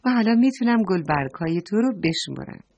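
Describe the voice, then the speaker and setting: A woman's voice: medium pitch, expressive, darkish tone, slight background noise, natural voice. A woman reading a children's storybook, voicing a friendly, polite young bee who counts petals patiently. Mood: gentle.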